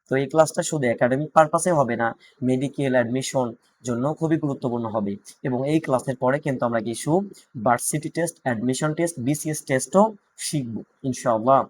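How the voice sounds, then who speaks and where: A man's voice: medium pitch, a little fast. A man with a Bangladeshi Bengali accent teaching an English grammar class, repeating points and asking students check questions.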